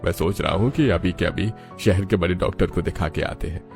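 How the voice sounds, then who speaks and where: A man voicing an elderly rich father with a gravelly voice. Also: low voice, brisk, over music. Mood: weary. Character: rich elderly father, stern then remorseful.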